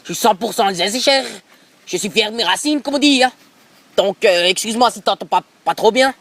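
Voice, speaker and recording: A man's voice: high voice, fairly quick, fairly bright tone, no room sound. A man playing a pushy, rambling middle-aged football coach with an Alsatian accent in a prank phone call. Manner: pushy, rambling, repeats filler tags. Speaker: prank caller. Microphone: phone held close to mouth.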